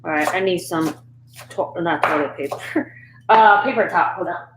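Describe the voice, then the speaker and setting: A Sichuan woman, Chinese her first language, chats with viewers and laughs often while chopping on her live-stream cooking show, filmed in her home kitchen in Sichuan, China. She speaks at normal speed in a lowish voice. The camera and phone setup picks up an echoey room and background noise.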